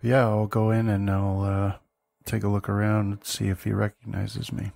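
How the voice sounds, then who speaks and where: A man's voice: fairly low pitch, completely flat delivery, moderate pace, gravelly, a little mellow. A man playing a tabletop game, giving short, casual replies. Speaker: player.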